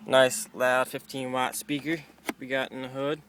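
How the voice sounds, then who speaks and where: An amateur vlogger shows how he installs a car radio, talking casually off the cuff with mild swearing, filmed on a handheld camera in and around the car. His medium-pitched voice is unhurried and fairly flat, with heavy background noise.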